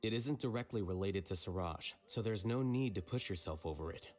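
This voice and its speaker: A man playing a calm, level-headed young scholar in a game, speaking in a measured, composed way. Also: on the low side, soft background music, natural voice. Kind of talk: scripted game voice acting.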